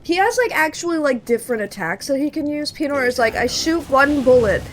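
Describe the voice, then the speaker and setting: The recording of this casual gaming stream, made on a cheap desk mic on an arm, has a little hiss or hum. The young woman streaming speaks high-pitched and fairly quick with lively intonation, rambling casually and cursing at times.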